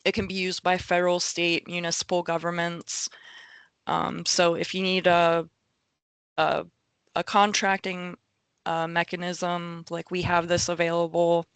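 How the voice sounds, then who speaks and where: A woman giving a webinar presentation on a video call, talking haltingly with many fillers and saying she is losing her voice. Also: on the low side, monotone, a bit bright, smooth, no echo.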